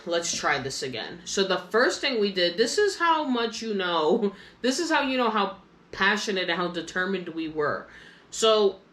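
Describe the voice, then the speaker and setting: A woman's voice: on the low side, a bit bright, echoey room. A young adult woman vlogger chatting casually while coloring, telling an emotional personal story with many fillers.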